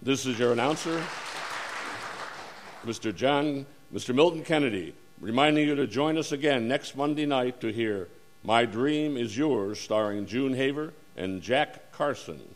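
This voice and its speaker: Male actor as a 1940s radio show announcer: formal sponsor pitch, middle pitch, with hiss and an audience around him. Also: expressive, a little slow, some chatter behind, lightly acted. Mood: upbeat.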